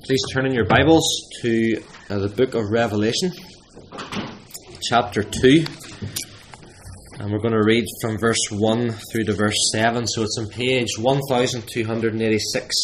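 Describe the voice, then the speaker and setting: Man at a pulpit microphone, low-voiced, reads scripture slowly and deliberately, pausing for emphasis. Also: fairly even intonation, slight background noise, rough recording. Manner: measured, deliberate reading with emphatic pauses. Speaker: church service leader reading scripture. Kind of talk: scripture reading in a church service. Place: church.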